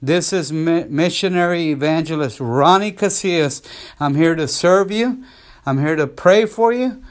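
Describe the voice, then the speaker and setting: Slow, fervent evangelist man. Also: a little high. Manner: fervent, repetitive preaching cadence. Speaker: missionary evangelist, podcast host. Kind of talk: podcast sermon, exhortation.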